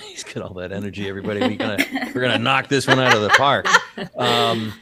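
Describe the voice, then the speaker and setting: A middle-aged man with a Boston accent hosts a casual podcast. His voice sits fairly low, and he speaks into a boom microphone in an office. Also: fast talker, gravelly, heavy background noise. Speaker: podcast host. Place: indoor office. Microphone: boom studio mic with headset.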